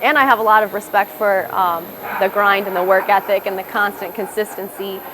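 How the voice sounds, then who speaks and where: Speaking briskly at a medium pitch with fairly level intonation, a young woman rapper gives a candid, thoughtful documentary interview in a thick Midwestern American accent. She keeps correcting herself with restarts, and the recording carries noticeable background noise.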